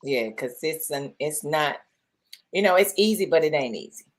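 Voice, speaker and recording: Woman, middle-aged, very low pitch, casual co-host chat, repeats herself, presses with questions. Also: expressive, normal speed. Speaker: podcast co-host.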